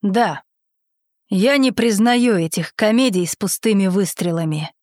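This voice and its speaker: A woman reading aloud, voicing a stern young nobleman who speaks gravely and formally about his duel. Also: mid-range voice, a little slow, a little mellow, no room sound, clean studio sound, pitched below the performer's own voice, close to an everyday voice.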